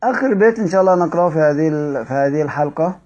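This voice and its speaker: A man with an Egyptian accent leads a Quran recitation lesson in a high, clear voice. He explains rules in quick colloquial speech, quizzes his students, and slows right down to recite verses. The sound is dull and muffled. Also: lively intonation, darkish tone. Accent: Egyptian Arabic. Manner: addresses students directly with questions.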